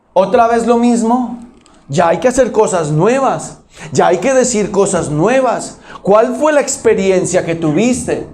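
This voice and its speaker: A man's voice: sits high, a little mellow. A man, preaching a sermon as pastor in a church auditorium, emphatic and full of rhetorical questions.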